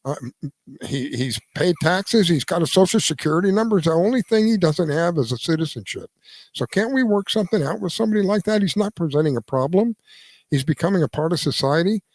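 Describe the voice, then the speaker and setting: A man in his seventies giving his opinion in casual radio talk, earnest and halting, restarting his sentences as he goes. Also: high voice, no room sound. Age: 70s. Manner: lively, swings between emphatic and quiet. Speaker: radio show host.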